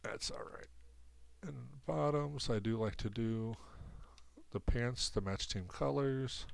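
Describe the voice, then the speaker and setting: A man's voice: mid-range voice, takes it slowly, creaky, no echo. A man with a cold streaming a video game, rambling and thinking aloud as he sets things up. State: sick with a cold, coughing. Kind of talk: casual commentary while setting up a video game.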